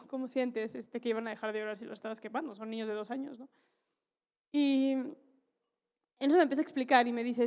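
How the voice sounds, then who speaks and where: A woman with a Mexican Spanish accent, a conference speaker telling a story to an audience in a candid, lively way with slang and asides. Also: a little high. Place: conference stage in a large hall.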